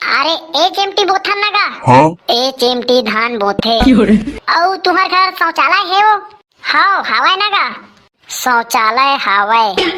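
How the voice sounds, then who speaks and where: Cartoon comedy, Chhattisgarhi accent, squabbling village characters voiced by one performer, extremely high pitch, noisy audio. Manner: squabbling, slangy, teasing. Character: squeaky bickering village cartoon folk. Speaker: voice of cartoon census takers and villagers. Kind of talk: comic cartoon dialogue.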